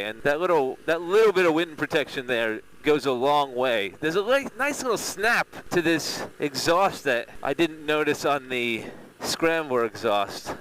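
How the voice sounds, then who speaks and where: A man's voice: on the high side, a bit bright, low-quality recording. A man giving a casual, enthusiastic motorcycle review as he rides, speaking up from inside his helmet. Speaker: motorcycle reviewer and vlog host. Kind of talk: casual motovlog commentary while riding. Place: outdoors, riding a motorcycle. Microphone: microphone inside a helmet. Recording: helmet mic with engine and wind noise.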